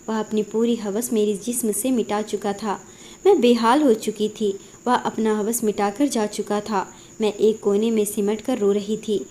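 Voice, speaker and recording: Woman storyteller, first-person emotional narration, earnest and dramatic, fairly high, mellow voice.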